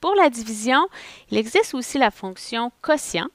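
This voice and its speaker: A woman, a teacher talking through a software tutorial step by step, thinking aloud as she goes. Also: fairly high pitch, lively intonation, normal speed, no echo. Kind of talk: screen-recorded software tutorial.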